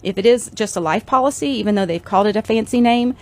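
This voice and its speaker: A woman's voice: on the high side, quick pace. A woman co-hosting a radio show, explaining things conversationally with frequent fillers. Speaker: radio show co-host, financial planner. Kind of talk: casual radio chat.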